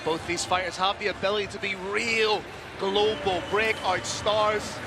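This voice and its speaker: A man's voice: high voice, fairly even intonation, measured pace. A man commentating a fight broadcast, reading out fighter records in a polished broadcaster's manner. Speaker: play-by-play commentator. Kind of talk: sports commentary. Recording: music under the voice.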